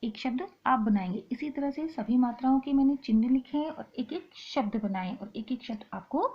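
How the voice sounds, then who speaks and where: Woman teacher explaining slowly, slightly high. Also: muffled recording. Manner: slow, explaining step by step. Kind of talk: online lesson.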